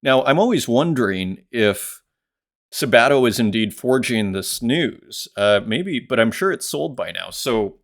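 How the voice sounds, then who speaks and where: A man talks through his solo podcast in a loose, conversational way, often restarting sentences and filling gaps with "you know." His voice sits at an ordinary middle pitch. He reads listener comments aloud and then riffs on them. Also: expressive, measured pace, gravelly. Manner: rambling, conversational, many fillers and restarts. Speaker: podcast host.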